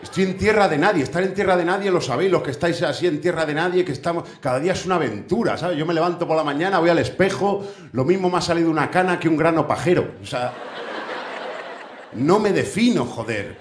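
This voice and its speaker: A man's voice: a little high, fast, slight background noise. Man, 30s, Spain Spanish accent, stand-up comedy, brash and profane, echoey theater. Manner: brash, profane, chatty with the crowd. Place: theater stage. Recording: echoey theater with faint audience.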